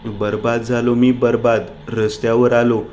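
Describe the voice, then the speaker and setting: A man's voice: mid-range voice, flat delivery, unhurried, a little mellow, slight background noise, lightly acted. A man voicing a desperate young man who has lost everything, panicked and pleading. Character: desperate young man ruined by bad investment.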